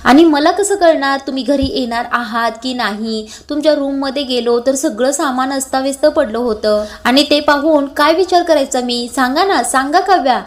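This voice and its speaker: A woman voicing a frantic, angry young husband who scolds with rapid questions, in a retold serial scene. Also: sits high, lightly acted. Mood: agitated, scolding.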